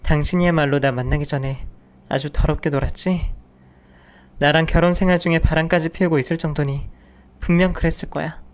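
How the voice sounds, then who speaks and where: A man's voice: fairly high pitch, fairly even intonation, a little fast, natural voice. A man voicing a betrayed wife who pleads and protests, read for a story radio segment. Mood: shocked. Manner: pleading, indignant. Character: hurt betrayed wife, pleading then shocked.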